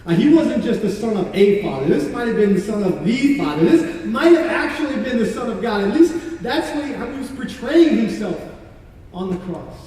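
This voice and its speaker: Heard from a distance in a big, echoing hall, a man speaks as a condemned criminal full of remorse during a church monologue. His high-for-a-man, darkish voice swings widely in pitch as he confesses with awe. The delivery is earnest, broken into halting phrases, with words repeated.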